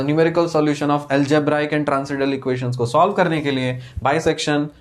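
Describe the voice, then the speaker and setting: A man teaching exam-prep mathematics in a lecture, explaining step by step and asking and answering his own questions. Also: fairly high pitch. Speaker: math teacher.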